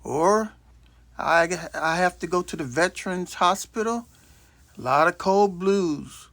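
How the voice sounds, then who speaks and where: A man's voice: high voice, slow pace, a bit bright, no room sound. Blunt, rambling man in his sixties. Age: 60s. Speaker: vlogger. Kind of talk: casual storytelling monologue. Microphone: self-recorded on a phone.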